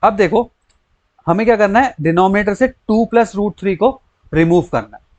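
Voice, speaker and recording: A young man teaching a maths lesson, explaining each step slowly and asking the class rhetorical questions. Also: high-pitched, darkish tone, dry recording. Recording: dull lo-fi dry recording.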